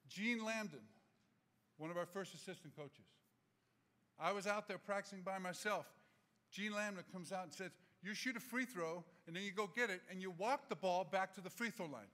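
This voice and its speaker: A man in his sixties giving an animated, humorous acceptance speech from a podium microphone in a large auditorium. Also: sits high, moderate pace. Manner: animated, gesturing, humorous anecdotes.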